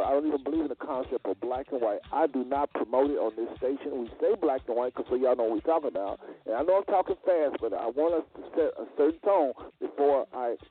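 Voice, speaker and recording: A man's voice: mid-range voice, slightly rough, dry recording, narrow, tinny audio. A man hosting a faith network show, talking in a fervent, emphatic preaching cadence. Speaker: network host. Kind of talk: preaching radio talk.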